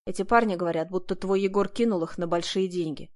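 A woman reading an audiobook, voicing a calm, resolute Uzbek man who speaks low, steady and commanding. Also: fast talker, close to an everyday voice. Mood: grim.

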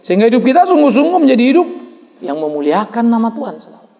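A man preaching a sermon as a pastor, emphatic, with repeated refrains and sudden leaps in pitch. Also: big pitch swings, fast, vocal fry, warm tone, long reverb tail.

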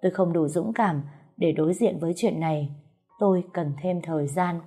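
A woman narrating a first-person story in a steady, melancholy way, with soft music behind. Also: fairly low pitch, moderate pace, breathy edge.

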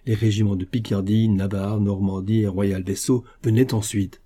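A man narrating a classic novel as an audiobook in a calm, measured way. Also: lowish voice.

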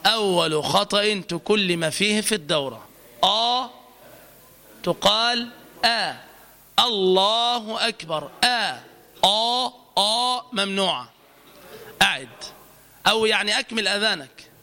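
A man teaching a lesson, correcting students' pronunciation and repeating syllables slowly. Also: sits high, animated, bright, forceful tone. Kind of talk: live online recitation lesson.

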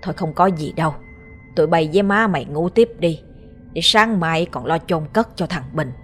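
A woman's voice: deep voice, normal speed, soft background music, close to an everyday voice. A woman with a Southern Vietnamese accent voicing an older head of the house who dismissively soothes his family. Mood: soothing. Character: older village man, falsely calm head of house.

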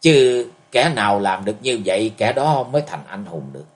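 A man voicing a calm, resolute young swordsman, speaking firmly and reassuringly. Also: lowish voice, moderate pace, close to an everyday voice. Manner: calm, firm, gently reassuring.

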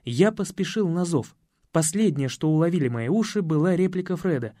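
A man narrating an audiobook in a lively, expressive reading. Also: a little high, brisk, no room sound, studio quality. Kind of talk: scripted narration.

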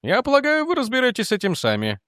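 A man's voice: very high voice, wildly swooping pitch, fast, fairly bright tone, dry recording, studio quality, pitched above the performer's own voice, full character voice. A man voicing an officious government representative who presses demands and questions. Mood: indignant demanding.

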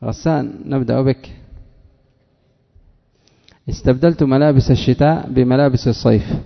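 A man's voice: mid-range voice, normal speed, creaky. A man teaching Arabic grammar to a class, repeating examples and quizzing students by name. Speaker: sheikh teaching Arabic morphology. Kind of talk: classroom lesson with questions to students. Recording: dull lo-fi recording in a reverberant hall.

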